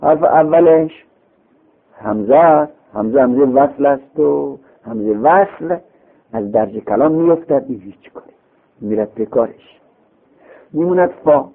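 A man with a gravelly, fairly high voice teaches a classical text, lingering on each point and repeating example words in a sing-song way. His pitch swings widely as he explains. The sound is thin and tinny, as if heard over a phone line. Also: animated. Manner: patient and repetitive, chanting example words several times.

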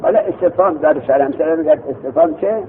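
A man's voice: on the high side, slight background noise. A man teaching a seminary grammar lesson, quizzing his students and repeating their answers back to them. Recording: tinny phone-like lo-fi recording.

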